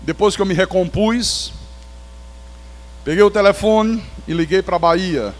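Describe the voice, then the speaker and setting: Brazilian male pastor, high voice, lively storytelling sermon, long church reverb. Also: a little slow. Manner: animated storyteller with touches of humor. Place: church sanctuary.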